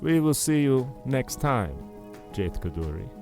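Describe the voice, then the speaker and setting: Snotty elf baker guy, a man putting him on, yells and snarls, voice jumping high and low all over. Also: wildly swooping pitch, unhurried, creaky, faint music behind, full character voice. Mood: sneering. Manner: yelling, spitting words through gritted teeth. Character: snooty short-tempered male elf baker.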